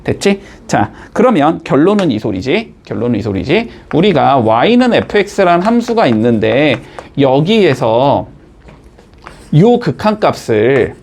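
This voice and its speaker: A man's voice: a little high, sing-song, a little slow, darkish tone, a little hiss or hum. A man teaching a math lesson in a classroom style, explaining step by step and constantly checking in with his students through short questions.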